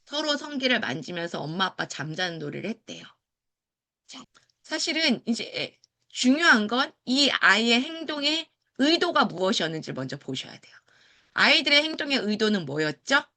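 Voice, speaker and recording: Bright, animated woman lecturer. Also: on the high side, normal speed. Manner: acts out quoted teachers and children in lively voices; asks the audience questions and answers them. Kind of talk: lecture to parents.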